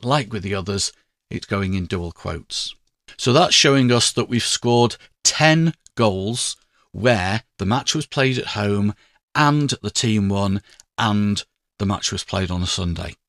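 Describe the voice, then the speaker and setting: A man talking through a spreadsheet tutorial in a measured, step-by-step way. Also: fairly low pitch, fairly bright tone, no echo, clean studio sound. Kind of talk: screen-recorded tutorial narration.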